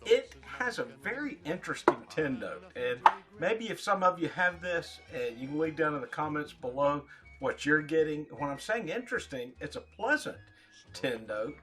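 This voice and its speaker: A man giving a casual, rambling product review in short, halting phrases, as a reviewer talking to his viewers. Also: on the high side, very animated, music in the background. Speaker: pipe tobacco reviewer.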